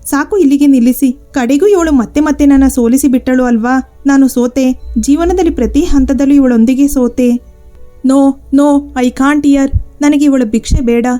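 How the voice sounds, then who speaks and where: A woman's voice: high-pitched, moderate pace, dark tone, soft background music, lightly acted. Woman voicing a spiteful jealous sister-in-law. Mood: furious. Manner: bitter, taunting and accusing.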